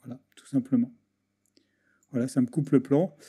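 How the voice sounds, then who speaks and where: A man giving a casual software tutorial over a screen recording, hesitant and full of restarts as he clicks through settings. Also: medium pitch, steady tone, normal speed, husky. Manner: hesitant, many restarts and fillers, talks while clicking. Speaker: video editing tutor.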